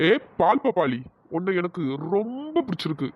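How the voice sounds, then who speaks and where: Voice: mid-range voice, big pitch swings, moderate pace, breathy edge, no echo. A performer voicing a brash, bossy young cartoon man who talks in a mid-range voice and orders people around. The lines come from a dry, dull lo-fi voice track. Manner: bossy and threatening, then pleading. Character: brash young man pushing a girl for her number.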